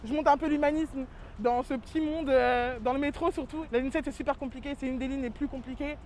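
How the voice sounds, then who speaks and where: A woman's voice: sits high, fairly even intonation, brisk, a little mellow, slight background noise. A woman, a regular metro commuter, giving a casual interview in an enthusiastic, colloquial way.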